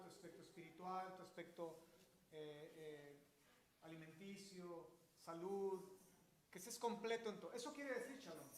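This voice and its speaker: A man's voice: high-pitched, roomy sound. A man preaching a sermon as pastor, emphatic and explaining Hebrew words to his congregation. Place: church sanctuary.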